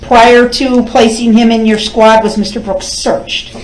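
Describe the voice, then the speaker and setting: Female prosecutor, slightly high pitch. Formal, deliberate witness questioning, roomy courtroom echo. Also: level tone, a little mellow. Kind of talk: courtroom examination. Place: indoors in a courtroom. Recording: echoey courtroom microphone.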